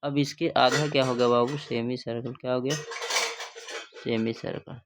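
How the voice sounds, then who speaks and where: A male teacher gives a math lesson on a livestream. His voice sits at a middle pitch as he keeps asking "what is it?" and repeats each answer. Faint noise and clicks are heard behind him. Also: flat delivery, a little fast. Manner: call-and-response questioning, repeats answers, calls students "babu".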